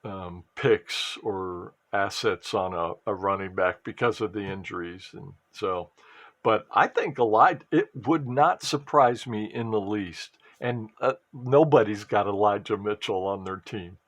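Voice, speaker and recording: Man, low voice, unhurried, rambling casual commentary while opening sports cards. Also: fairly bright tone. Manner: rambling, restarts and trailing asides. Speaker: sports card collector and fantasy football vlogger.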